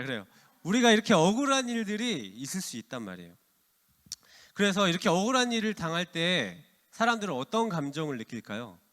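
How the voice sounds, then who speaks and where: A middle-aged man preaching to teenagers as youth pastor, lively and calling them by name. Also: a little high. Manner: lively, addresses teens by name. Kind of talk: youth sermon with quiz. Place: church hall. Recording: long hall reverb.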